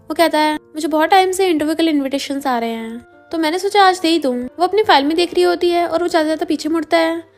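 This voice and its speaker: A woman narrating a drama plot in a fast, casual recap, voicing each character's lines herself with light shifts. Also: very high voice. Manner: quotes every character in her own voice with light shifts.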